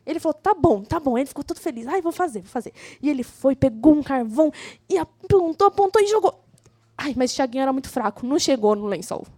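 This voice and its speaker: A woman's voice: high voice, fast, no echo. A woman telling a children's story at a church service, acting out the voices of the characters. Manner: animated, acts out the characters' voices. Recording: live church service, dry sound.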